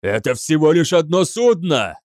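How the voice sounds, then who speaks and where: A man's voice: medium pitch, lively intonation, moderate pace, warm tone, dry recording, close to an everyday voice. Arrogant, snarling male lord-commander, read by the male narrator; dry, close sound. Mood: furious.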